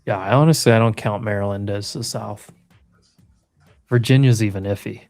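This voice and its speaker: A man's voice: on the low side, moderate pace, a little mellow. Brief: male stream host from New England, casual and teasing, opinionated banter, faint music under the talk.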